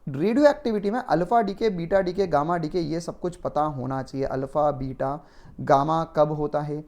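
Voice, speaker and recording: A man's voice: fairly high pitch, normal speed, a little mellow. A male physics teacher giving an online exam-prep lecture in a conversational, explanatory way, often checking in with tag questions.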